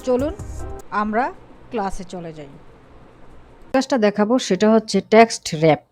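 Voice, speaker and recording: Casually narrating a screen-recorded software tutorial for her graphic design course, a woman slips in fillers and self-corrections. She sounds animated, speaking at a moderate pace in a mid-range voice. Soft music plays underneath.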